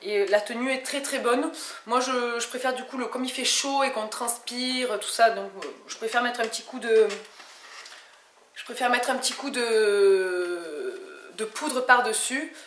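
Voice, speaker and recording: A French woman, a beauty vlogger, chats casually through a haul video at home, often hesitating and restarting her sentences. Her voice is fairly high and a bit bright, with fairly even intonation and a moderate pace. The room is echoey, with faint background noise.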